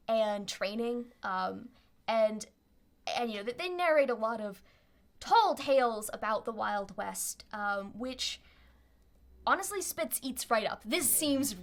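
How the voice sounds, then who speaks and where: Higher-voiced woman improvising as game master. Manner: halting, playful, casual storytelling. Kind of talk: improvised tabletop game narration.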